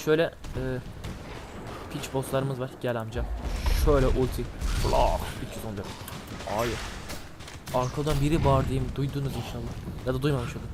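A man with a nasal, blocked-nose voice, casually commenting on a game he is playing, swearing and breaking into excitable outbursts. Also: mid-range voice, noisy background. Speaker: gameplay commentator. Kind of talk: casual let's-play commentary. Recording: gunfire and game music behind.

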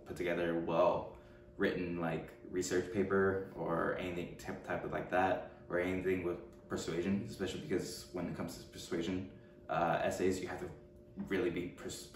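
Low, flat-voiced young man, roomy far mic. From Richmond, California. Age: 20s. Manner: hesitant, many fillers and restarts. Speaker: documentary interviewee. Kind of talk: casual interview answers. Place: room at home, seated. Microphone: far camera mic. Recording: roomy echo, distant mic, faint hum.

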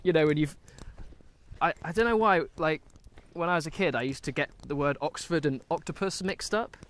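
A British man in his twenties co-hosts a film review, rambling and musing casually while walking through countryside and woods. His fairly high, bit bright voice moves fairly quickly, captured by a handheld camera at arm's length with outdoor background noise.

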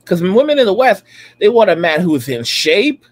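His voice sits high and swings widely in pitch, moving at a moderate pace with no room sound at all. He's a late-thirties reaction streamer at home, delivering a preachy, repetitive rant as he comments on clips.

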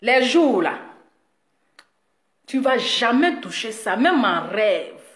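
Woman mocking a critic in slow, drawn-out teasing. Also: a little high, very animated. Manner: mocking and teasing, drawn-out words, frequent laughter. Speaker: video blogger addressing her audience. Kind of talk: boastful direct-to-camera rant. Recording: echoey room.

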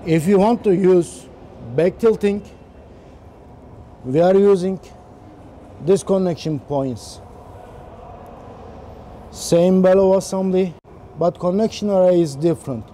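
A man in his thirties on a factory floor, explaining machine installation step by step in halting, simple phrasing. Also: high voice, dark tone, slight background noise. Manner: halting non-native phrasing, slow and step-by-step. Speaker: technician demonstrating machine installation. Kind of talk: instructional walkthrough.

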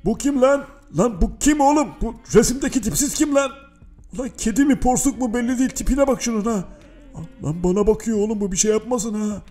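A man's voice: very high voice, a little fast. A man dubbing a grumpy, easily startled pet in a comic video, grumbling and throwing crude insults. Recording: music behind.

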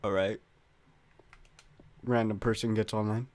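A man's voice: level tone, unhurried, a little mellow. A young man narrating his own game attempts, swearing and yelping in frustration when he fails. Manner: raging, swearing, voice cracking high when failing. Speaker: gamer. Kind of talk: Minecraft parkour gameplay commentary.

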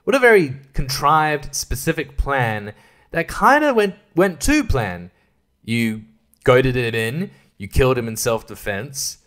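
Male podcast host, middle-pitched, rambling and profane film-review monologue with frequent laughter. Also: unhurried. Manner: rambling, profane, laughs often, many fillers; animated, jumps high in pitch for emphasis.

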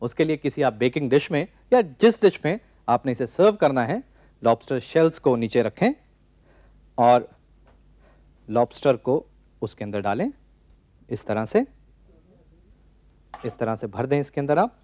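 A man in his forties hosting a TV cooking show, calmly explaining a recipe step by step from a studio kitchen set. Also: medium pitch, a little slow, long pauses, dry recording. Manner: calm step-by-step instructing. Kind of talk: cooking demonstration.

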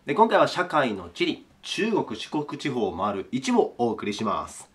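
A hoarse man with a sore throat, teaching a recorded geography lesson politely and slowly, checking in with his students as he goes. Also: mid-range voice, wildly swooping pitch, fairly bright tone.

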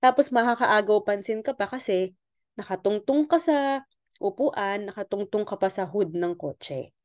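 A woman's voice: medium pitch, animated, normal speed, a little mellow, no room sound, clean studio sound. A woman explaining a court ruling in a casual lecture style, often checking in with "okay?" and mixing in English. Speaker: law explainer.

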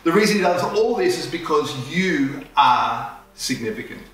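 A man preaching a sermon as a pastor, telling stories in an animated way. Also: on the high side, moderate pace. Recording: echoey room, voice from far off.

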